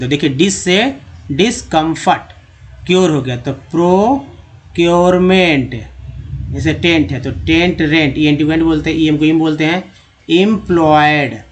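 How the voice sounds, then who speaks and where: Man teaching English word parts. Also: a little high. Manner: spells out letters and sounds word parts, repeats often. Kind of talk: slide-based lesson.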